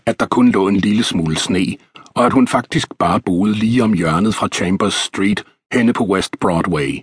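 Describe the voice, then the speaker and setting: A man reading a historical novel as an audiobook narrator, in a measured, even storytelling manner. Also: lowish voice, slightly rough, no echo, studio quality.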